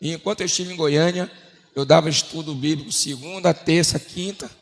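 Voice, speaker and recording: A man from Brazil giving a sermon testimony, telling his story and acting out the dialogue with shifting pitch. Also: steady tone, fairly quick. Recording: long hall reverb.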